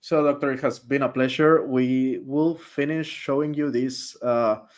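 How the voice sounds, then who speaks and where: A man with a mid-range voice interprets live during an interview over a video call. He is relaxed and friendly, filling gaps with "uh" and "like". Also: mid-range voice, slow. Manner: friendly, casual, filler words like "like" and "uh".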